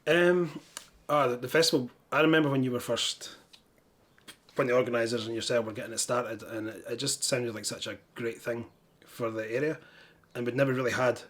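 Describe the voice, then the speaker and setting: A man's voice: mid-range voice, fairly even intonation, fairly quick, a bit bright. A man with a Scottish accent, talking casually as an interview guest from a band. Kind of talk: casual chat.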